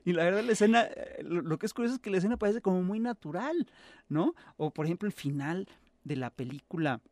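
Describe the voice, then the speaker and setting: A man with a Mexican accent, explaining as an interview guest in a halting, lecturing way with many filler sounds. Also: high-pitched, lively intonation, a little mellow, no room sound, clean studio sound. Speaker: guest expert on Mexican humor and cinema.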